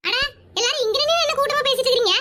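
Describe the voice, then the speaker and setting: A woman voicing a shrill, nagging village housewife in a cartoon. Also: lively intonation, noisy background. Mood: scolding. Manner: shrill, nagging, quick to scold. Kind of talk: animated cartoon dialogue.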